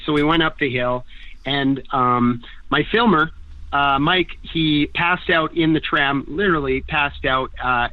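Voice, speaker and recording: A man from Canada tells rambling, animated stories with a joking edge. His voice sits in a middle pitch. The sound is dry and thin, like over a phone line. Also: no echo. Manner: animated, jokey, rambling storyteller. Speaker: guest snowboarder. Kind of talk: casual podcast storytelling. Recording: dry, tinny phone-like audio.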